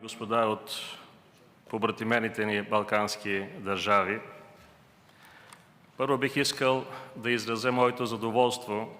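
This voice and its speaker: A man from Bulgaria, a mayor giving a formal, deliberate address at a podium. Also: lowish voice, flat delivery, fairly bright tone. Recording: distant voice in a reverberant hall.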